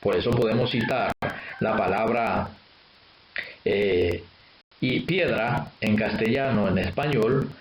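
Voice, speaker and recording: A man with a Paraguayan Spanish accent giving a lecture, explaining hesitantly and pausing on frequent filler sounds. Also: lowish voice, echoey room, low-quality recording. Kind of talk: lecture on language history.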